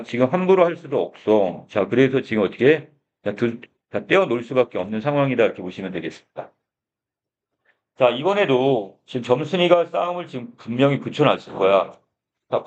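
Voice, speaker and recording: A man's voice: medium pitch, darkish tone. A male literature teacher explaining a short story in a lecture. He opens phrases with a repeated filler and asks questions that he answers himself. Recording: dull lo-fi sound.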